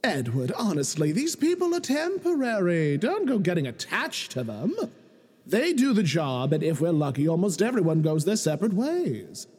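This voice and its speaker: An actor playing a smug, scheming male puppet-master in a video game, grandiose and taunting, with a breathy voice. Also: sits high, wildly swooping pitch, moderate pace, a little mellow, in a large hall, full character voice. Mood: mocking. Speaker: villain.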